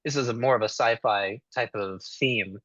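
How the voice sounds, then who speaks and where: A man's voice: lowish voice, moderate pace, fairly bright tone, no room sound, dull audio. A man who is a podcast guest, explaining his thoughts on a movie in a casual, thoughtful way.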